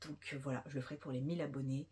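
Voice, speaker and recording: A woman's voice: very deep voice, flat delivery, racing, darkish tone. A woman chatting casually and enthusiastically about new books in a book vlog, saying she is a bit tired. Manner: chatty and enthusiastic, many fillers. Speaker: book vlogger.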